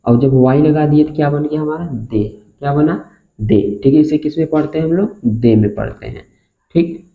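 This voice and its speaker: A man gives a classroom-style lesson, breaking words into slow parts and asking his listeners again and again what they read. His voice sits fairly high. The sound is thin and phone-like, with a roomy echo. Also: vocal fry. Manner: spells out words slowly and keeps asking the class to repeat. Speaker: English teacher. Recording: echoey room on a tinny, phone-like line.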